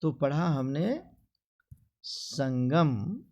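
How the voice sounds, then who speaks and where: Slow, lively gravelly male teacher. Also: on the high side. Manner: slow, sing-song explaining with acted example phrases. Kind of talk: Hindi grammar lesson.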